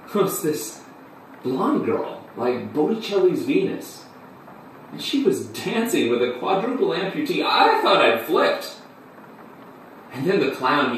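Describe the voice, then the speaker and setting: Dramatic flamboyant guy stumbling through a monologue, far off mic, faint hum. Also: a little high. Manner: flamboyant, halting, breathless storytelling. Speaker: actor in a filmed monologue. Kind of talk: theatrical monologue. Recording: echoey room, distant mic, faint hum.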